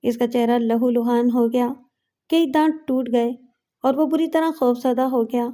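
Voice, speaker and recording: A woman narrating a dramatic first-person story with an expressive reading. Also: fairly high pitch. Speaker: narrator and voice-over artist.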